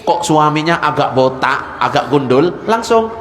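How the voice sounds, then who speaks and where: A man's voice: on the high side, animated, a little slow, a bit bright. A young man preaching a humorous religious sermon, teasing his audience with questions. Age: young adult. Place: large hall with a live audience. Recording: echoey hall with audience laughter.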